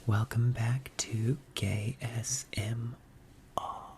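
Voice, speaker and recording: A young man with a hoarse throat hosting an ASMR video, whispering into a close microphone and slowly repeating words as triggers. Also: mid-range voice, steady tone, darkish tone, a little hiss or hum. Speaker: ASMR channel host. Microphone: close microphone at a desk.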